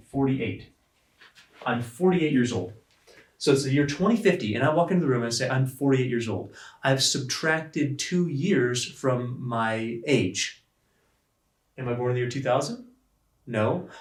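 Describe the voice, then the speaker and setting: A man in his forties delivers a math lecture at a whiteboard, animated and emphatic. He acts out the questions students might ask as he explains. His voice carries through a roomy classroom and sounds set back from the mic. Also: medium pitch. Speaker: math professor. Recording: roomy classroom with some distance.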